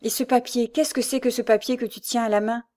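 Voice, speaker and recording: A woman voicing a tender, devout poor young mother in an audiobook, speaking gently and earnestly. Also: a little high, steady tone, a little fast, pitched above the performer's own voice, close to an everyday voice. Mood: incredulous. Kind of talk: audiobook character voice.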